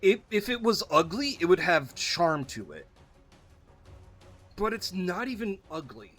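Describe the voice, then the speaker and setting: A man's voice: high voice, big pitch swings, measured pace, a bit bright, soft background music. A man giving casual, joking commentary while playing a video game. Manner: chatty, joking, reads game lines aloud in silly voices. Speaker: gameplay streamer. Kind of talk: casual let's-play commentary.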